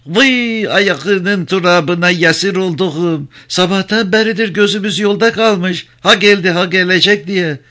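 A man doing a shrill, fussing old grandmother. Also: unhurried, few pauses, fairly bright tone. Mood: effusive. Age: older.

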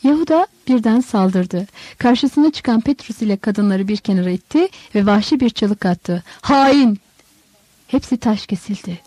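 A woman's voice: mid-range voice, expressive, normal speed, hardly any pauses, warm tone, no echo. A woman narrating a dramatic novel as an audiobook. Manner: dramatic storytelling.

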